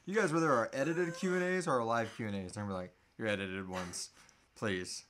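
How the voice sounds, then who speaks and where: A man in his thirties co-hosts a live Q&A from a couch in a small indoor room, chatting in a jokey, playful way. His mid-range voice is fairly bright and a little fast, and there's a slight hiss or hum.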